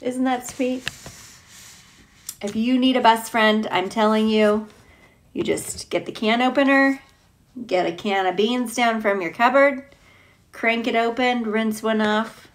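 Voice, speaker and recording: A woman teacher reads a picture book aloud to children, chatting playfully and asking her young listeners questions in casual asides. Her voice is a little high and fairly even, slightly slow with frequent pauses, and there's slight background noise.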